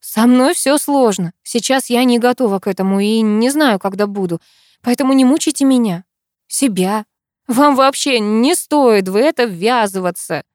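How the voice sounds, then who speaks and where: A woman's voice: fairly high pitch, moderate pace, a little mellow, dry recording, pitched above the performer's own voice, close to an everyday voice. Young heroine, tense and pleading, raised and strained, a woman acts her, dry close sound. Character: frightened, defiant young heroine. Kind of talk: audiobook character voice.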